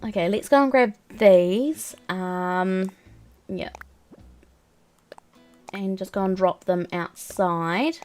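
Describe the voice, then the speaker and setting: While gaming on a live stream, a young woman talks casually in a mid-range, slightly mellow voice, going slowly with long pauses. She rambles, fills gaps with ums and likes, and sounds sniffly from a cold as faint music plays.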